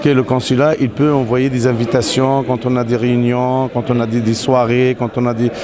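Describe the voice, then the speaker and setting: Brief: hesitant Moroccan man in his own words, mid pitch, outdoor crowd behind. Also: level tone, a little fast. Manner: hesitant, many fillers and restarts. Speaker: interviewee, company CEO. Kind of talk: casual interview conversation. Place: outdoors in a city.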